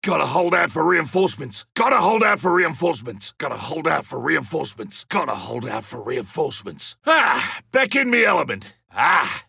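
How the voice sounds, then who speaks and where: Griffin, gravelly old veteran monster hunter. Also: male voice, on the high side, bright, forceful tone, no room sound, studio quality, heavily acted. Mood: grimly determined, then revived, cocky. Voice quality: gruff, gravelly. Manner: colloquial, wry, theatrical. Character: ageing veteran monster hunter, gruff, cocky and stubborn. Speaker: playable game character. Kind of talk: video game combat voice lines.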